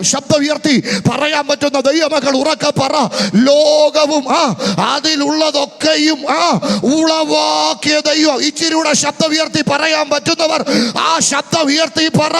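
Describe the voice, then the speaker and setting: A middle-aged man preaching a sermon as pastor, calling on the crowd to repeat lines in shouts. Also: sits high, vocal fry. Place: large church conference hall. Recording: long reverb of a large hall.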